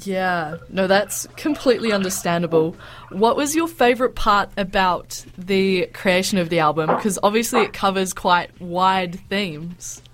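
A woman's voice: mid-range voice, a little slow, slight background noise. A woman radio host from New Zealand who interviews a musician with eager, admiring enthusiasm. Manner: warm, enthusiastic praise.

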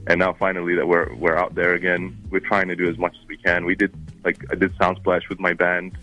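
A deep-voiced man with an accent mixing Arabic and New Zealand English speaks in a monotone and fairly quickly. He's a musician guest chatting casually in an interview, rambling with many fillers and restarts; the audio has its highs cut off, with soft music in the background.

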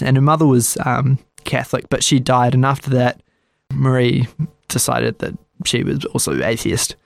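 A man hosts a relaxed history chat, talking loosely and with a dry, sarcastic edge as he plays out the people in the story. His voice has a gravelly fry to it. The recording is dry and close, with no room sound. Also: mid-range voice, dry recording. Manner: chatty, sarcastic, acts out quotes.

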